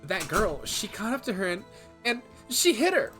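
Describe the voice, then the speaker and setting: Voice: medium pitch, sing-song, moderate pace, fairly bright tone, faint music behind, voice pushed up. A streamer putting on a gossipy, swooping Valley girl witness. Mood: gossipy, dramatic. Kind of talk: reading video game dialogue aloud.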